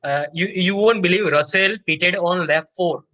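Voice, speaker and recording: A man's voice: high voice, normal speed, bright, forceful tone, highs cut off. A man co-hosting a casual race review podcast, chatty, laughing often and restarting his sentences. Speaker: podcast co-host.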